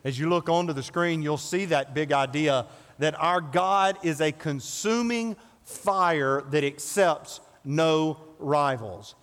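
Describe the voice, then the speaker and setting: A man's voice: fairly high pitch, slow, a bit bright. Man preaching in a reverberant church. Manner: builds to raised, emphatic preaching. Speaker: pastor. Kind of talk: scripture reading and sermon. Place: church sanctuary. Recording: long hall reverb.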